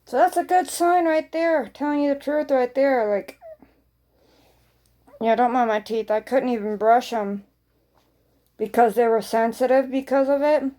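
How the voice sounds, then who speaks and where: A woman talks casually to her viewers as a vlogger. Her voice sits fairly high yet has a very relaxed, dark-soft tone. She rambles along and circles back, repeating short phrases to make her point. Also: a little slow, long pauses.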